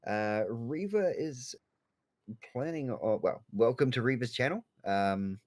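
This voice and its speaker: A man's voice: mid-range voice, lively intonation, takes it slowly, a little mellow, no room sound. A man with an Australian accent talking casually as a co-host on a live game stream, laid-back and rambling.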